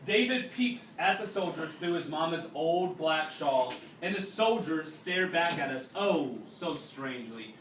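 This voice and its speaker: A male teacher whose voice is on the high side and a bit bright reads a storybook aloud indoors to his class. He regularly stops to explain and question the children, and the recording is roomy with a distant mic and faint background noise.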